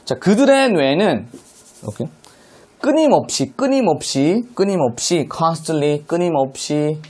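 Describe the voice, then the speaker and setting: A man teaching high school English, walking through a textbook passage step by step and asking the class rhetorical questions. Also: animated, unhurried, a little mellow. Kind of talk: online classroom lecture explaining a textbook.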